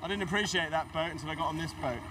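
A man's voice: on the high side, very fast, slight background noise. A man in his thirties chatting casually and unscripted outdoors as an adventure show presenter. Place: outdoors on river and in jungle. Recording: distant outdoor sound under loud music. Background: loud music.

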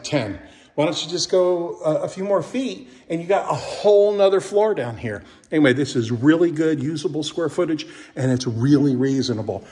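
A middle-aged real estate agent from Kentucky walks through an empty house with a phone camera, mostly indoors with some steps outside. His casual walkthrough commentary is chatty and folksy, full of salesy asides and restarts. He has a mid-range, slightly mellow voice.

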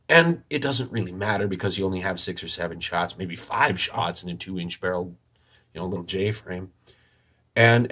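A man presenting an informal analysis with a dry, deadpan, tongue-in-cheek delivery and a husky voice. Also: fairly low pitch. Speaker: online video presenter. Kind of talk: informal analysis commentary over screen recording.

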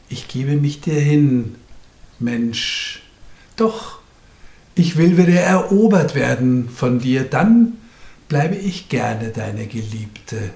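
A man voicing Language itself as a tender, passionate partner of humankind, in a dramatic spoken-word recital, moving between soft whispers and fervent calls. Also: mid-range voice, reverberant. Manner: solemn, intimate, swings from whispers to fervent calls.

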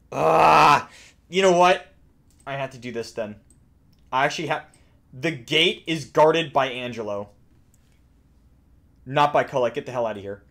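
Here a young adult creator reacts to game voice lines indoors in a small home room, swearing plenty in his casual, jokey, over-the-top commentary. He speaks at medium pitch with a slightly bright tone.

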